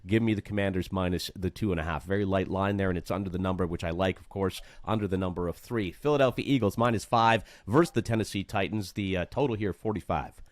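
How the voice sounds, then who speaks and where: A man's voice: sits low, quick pace, hardly any pauses, dry recording. A man hosting a sports betting chat, emphatic, asking rhetorical questions and repeating points for effect. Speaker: sports betting show host. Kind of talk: casual betting-picks chat.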